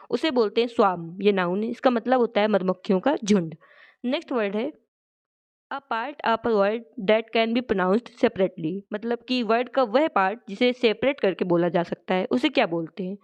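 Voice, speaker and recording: A woman explaining English words in a lesson, speaking Hindi as her first language and reading out English definitions slowly and deliberately. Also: a little high, darkish tone. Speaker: vocabulary teacher.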